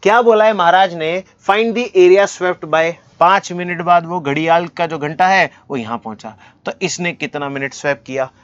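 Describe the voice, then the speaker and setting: A man's voice: fairly high pitch, smooth, dry recording. Easygoing male maths teacher, dry lo-fi sound. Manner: relaxed, encouraging, talks straight to students, asks and answers himself; reads formulas and English sums slowly, word by word. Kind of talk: solving textbook problems step by step.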